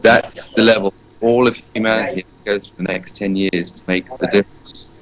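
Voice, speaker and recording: Poor audio and slight background noise surround this fairly low, a-bit-bright male voice, which moves fairly quickly with fairly even intonation. He's an English energy painter in his forties, guesting in a casual interview and speaking earnestly in a meandering way, with many fillers and false starts.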